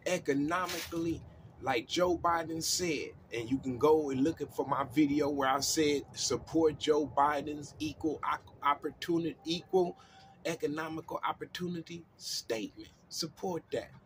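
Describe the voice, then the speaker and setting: A man hosting a discussion show, talking casually about scripture and history in a loose, repetitive way that turns loud and emphatic. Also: on the high side, fairly even intonation, normal speed, a little hiss or hum. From United States. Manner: loose and repetitive, urging listeners in with refrains like "come on in, man"; grows loud and emphatic when telling history. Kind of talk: casual religious discussion monologue.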